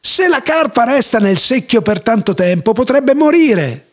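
A man's voice: very high voice, big pitch swings, a little slow, voice pushed up, full character voice. A man voicing an eager, fussy village sage who once sold fish at the market. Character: fussy practical male village sage, former fishmonger.

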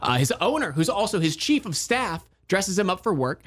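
Guy hosting morning radio, lively swingy voice, laughs a lot. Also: high voice, normal speed. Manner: animated, chatty, laughs often. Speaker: radio morning show host. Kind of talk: radio morning show chat.

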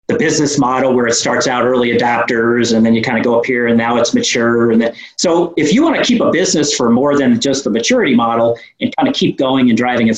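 A man with a New York accent giving informal, explanatory answers in a conversational interview. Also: medium pitch. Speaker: guest business owner. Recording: echoey room sound.

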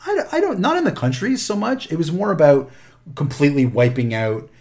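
A man's voice: on the high side, fairly quick. Chatty man riffing with fillers. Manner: animated, joking, many fillers and restarts. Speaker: podcast co-host. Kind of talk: casual chat.

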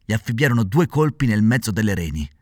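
Expressive male storyteller, dry sound. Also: fairly low pitch, fast, no echo. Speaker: narrator. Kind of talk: reading a classic children's story aloud.

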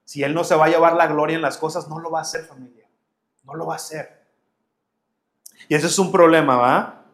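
Male pastor, fairly high voice, preaching, rhetorical questions to the congregation. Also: fairly even intonation, fairly quick, a bit bright. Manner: addresses listeners as family, asks rhetorical questions. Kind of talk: sermon.

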